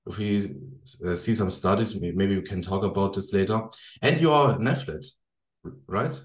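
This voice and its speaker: A man's voice: on the low side, moderate pace. A man hosting a podcast interview, asking friendly questions in English with frequent hesitations and restarts. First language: German. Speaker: podcast host. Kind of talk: casual interview chat. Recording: echoey room.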